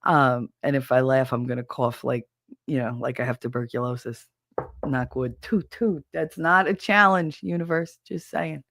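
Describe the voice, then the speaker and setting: Stuffy, gravelly New host. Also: mid-range voice, normal speed, fairly bright tone, dry recording, clean studio sound. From New Jersey. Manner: rambling, chatty, self-deprecating, greets chat viewers. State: stuffy, nasal from a cold. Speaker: livestream host. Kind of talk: casual live-stream chat.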